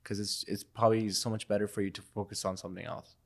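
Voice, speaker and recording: A man's voice: lowish voice, level tone, fast talker, vocal fry. A young man from Iraq, a photographer and podcast guest, speaking in a reflective, loose, conversational way. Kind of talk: casual interview talk.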